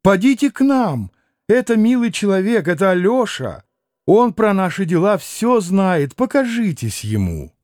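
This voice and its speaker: A man's voice: high voice, very animated, a little slow, a little mellow, no room sound, clean studio sound, voice pushed up. A man voicing an impassioned young noblewoman. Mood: excited. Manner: impassioned, pleading, rising to exclamations. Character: proud, anguished young noblewoman.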